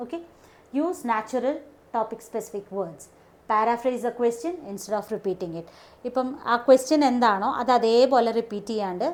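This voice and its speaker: A woman with a Malayali English accent teaches an exam lesson, stating each point slowly in English, then explaining it quickly in Malayalam, with frequent "okay". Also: medium pitch, a little mellow. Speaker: English test tutor. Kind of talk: classroom-style lesson.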